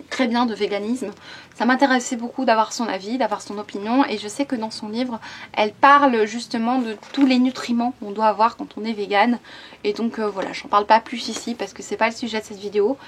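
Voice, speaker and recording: A young woman from Belgium talks through her latest book haul in a relaxed vlog chat. Her voice sits a little high. She hesitates a lot, restarts sentences and fills gaps with little sounds. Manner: chatty, hesitant with many fillers and restarts. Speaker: book vlogger.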